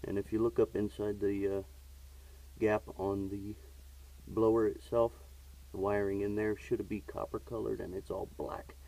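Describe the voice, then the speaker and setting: A technician on the low side, with a creaky, mellow voice and flat delivery, talks at a moderate pace through a step-by-step HVAC fix, filling gaps often. The camera is in his own hand as he works around a basement furnace and workshop floor, and the audio is poor.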